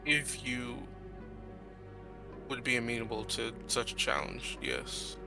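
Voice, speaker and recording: A man playing a tabletop role-playing game, describing his character's actions in a casual, halting way as he searches for words. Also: mid-range voice, big pitch swings, gravelly, music in the background. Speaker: player.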